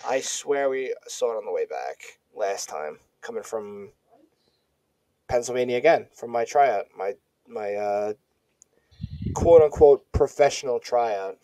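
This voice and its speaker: This young adult podcast host talks slowly with friends in a casual, slangy way, pausing often. His mid-range voice is mellow, with lively intonation.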